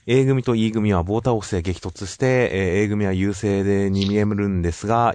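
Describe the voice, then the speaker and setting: A man's voice: low-pitched, a little mellow, no echo. A man co-hosting a casual talk show, politely and steadily summarizing manga chapters and giving his views. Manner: measured, polite, summarizing plot. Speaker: podcast co-host reviewing manga. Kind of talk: casual chat.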